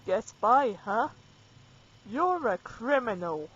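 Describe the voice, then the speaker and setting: A woman's voice: a little high, sing-song, slow, fairly bright tone, husky, lo-fi sound. A woman casually playing through a fantasy game, reading dialogue choices aloud in a dry manner. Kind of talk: let's play commentary.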